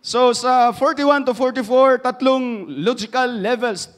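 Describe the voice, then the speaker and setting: Man, Filipino accent, high-pitched, preaching, loud emphasis, hushed drops. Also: unhurried. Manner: mixes English into Filipino, rising to loud emphasis then dropping to hushed tones. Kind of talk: sermon.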